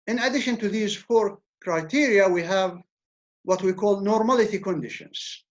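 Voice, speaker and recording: A man with a high-pitched voice gives an academic lecture, captured in a dull lo-fi recording. He's a university lecturer from the Levant, a native Arabic speaker, with a measured, explanatory manner who repeats words when he begins a phrase over.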